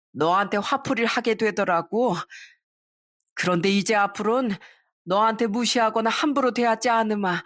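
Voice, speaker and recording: A woman voicing a sharp-tongued older mother-in-law who scolds and complains. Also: medium pitch, lightly acted. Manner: scolding, whiny exclamations.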